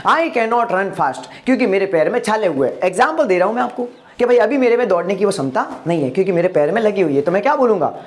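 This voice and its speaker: A male English teacher walks his students through the lesson with a stream of rhetorical questions. He checks in often to see if they are following and slows to a careful pace whenever he reads out an example sentence. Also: high-pitched, lively intonation, darkish tone. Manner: rhetorical questions, calls listeners "my dear", checks "are you getting?". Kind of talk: spoken English lesson explained in Hindi.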